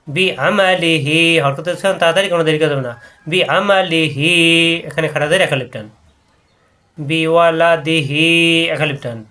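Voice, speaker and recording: Bright-voiced man teaching Quran recitation. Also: fairly high pitch. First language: Bengali. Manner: stretches the example words slowly, then explains the rule quickly. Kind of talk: tajweed lesson.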